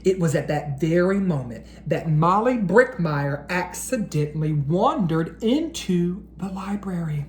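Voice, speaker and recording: A woman reading a children's picture book aloud in an expressive, unhurried storyteller's voice. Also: lowish voice, reverberant, slight background noise.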